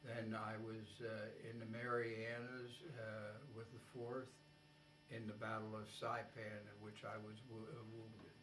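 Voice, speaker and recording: An elderly American man, a war veteran remembering his service in an interview, speaks in a halting, measured way with long pauses. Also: on the low side, level tone. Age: elderly, 80s or older. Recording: roomy, distant mic, faint hum.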